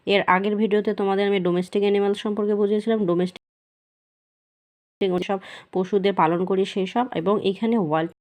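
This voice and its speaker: A woman teacher, explaining a children's workbook lesson patiently and repeating the answers slowly. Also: medium pitch, fairly even intonation, darkish tone.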